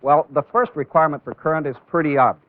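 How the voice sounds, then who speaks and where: A training-film instructor's slightly high male voice comes through narrow, tinny audio on an old film soundtrack. He demonstrates a procedure with deliberate step-by-step explanation. Key words get extra emphasis.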